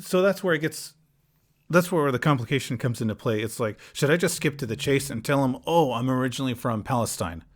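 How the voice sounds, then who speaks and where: This American podcast host, a man with a faint foreign accent and a medium-pitched, brisk voice, keeps the chat casual. He wanders off topic, starts sentences over often, and tells his stories in a lively way.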